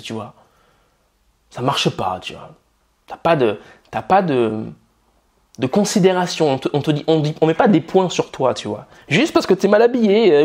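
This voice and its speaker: A man's voice: a little high, darkish tone. A man from France giving casual, blunt style and dating advice straight to the camera, swearing freely and calling the viewer buddy.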